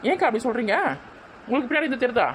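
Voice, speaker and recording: A woman's voice: a little high, racing, a little hiss or hum. A woman, bossy and pleading by turns in a comic sketch.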